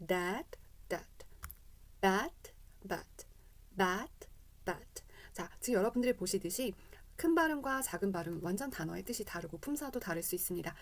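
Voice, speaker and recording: A woman's voice: medium pitch, darkish tone. A woman teaching English pronunciation in a casual spoken lesson, repeating English vowel sounds as drills.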